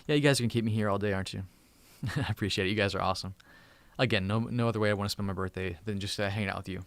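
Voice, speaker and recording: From his home, a man in his thirties hosts a tech live stream, talking casually with viewers, thanking them, and repeatedly restarting phrases and repeating words. He has a lowish voice, a steady tone, and a racing pace.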